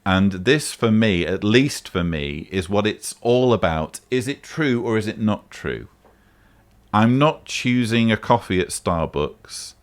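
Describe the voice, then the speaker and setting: A man with a lowish, expressive voice hosts a vlog, taking his time as he answers a voicemail. His casual commentary is emphatic and argumentative, rising sharply on the key points.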